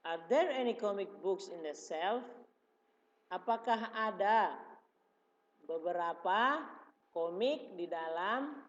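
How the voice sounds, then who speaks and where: Male teacher with an Indonesian accent, patient and slow, repeats phrases, dull echoey classroom recording. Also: sits high, animated. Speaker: religious school teacher. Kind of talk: classroom explanation. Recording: dull reverberant room recording.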